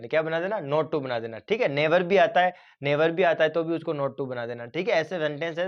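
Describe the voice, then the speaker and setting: Man, teacher, high voice, muffled lo-fi recording, patient step-by-step grammar lesson. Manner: explaining slowly, asking and answering his own questions.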